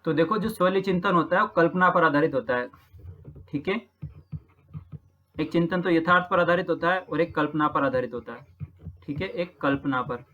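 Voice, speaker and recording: A man's voice: a little high, normal speed, long pauses, bright, forceful tone, lo-fi sound. A man from Rajasthan who teaches, patiently talking through practice exam questions and repeating each answer with frequent check-ins. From Rajasthan, India.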